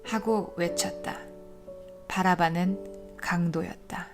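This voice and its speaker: A woman narrating scripture in a steady, even reading manner. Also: fairly low pitch, slow. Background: soft instrumental music.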